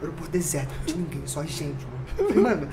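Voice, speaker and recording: A man with a Brazilian accent telling a story on a casual podcast, animated, full of slang and sound effects. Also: on the high side, rapid-fire, crowd noise. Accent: Brazilian Portuguese.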